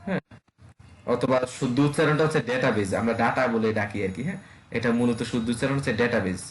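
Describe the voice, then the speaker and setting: Fast-talking man teaching web design. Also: mid-range voice, echoey room, a little hiss or hum. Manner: casual, rapid, full of fillers and checks on students. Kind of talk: online class lecture.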